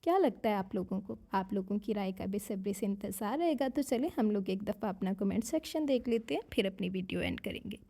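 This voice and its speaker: A woman with a sore, hoarse throat, chatting casually as a channel host while reading viewer comments, slipping English phrases into her speech. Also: medium pitch, expressive, fairly quick, few pauses, dark tone. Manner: talks while eating. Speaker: novel narrator and channel host.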